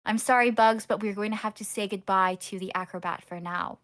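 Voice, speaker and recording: A woman's voice: mid-range voice, steady tone, brisk, fairly bright tone. A woman commentating a live online gaming tournament, walking through tactics step by step. She talks in a loose, analytical way, with plenty of "um" and "like" as she thinks aloud. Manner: analytical, explains strategy with frequent fillers. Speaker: esports caster.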